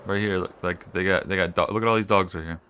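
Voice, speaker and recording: Male gamer, low voice, rapid casual chatter. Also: fairly even intonation, sharp tone, a little hiss or hum. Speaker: game player. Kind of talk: casual chat.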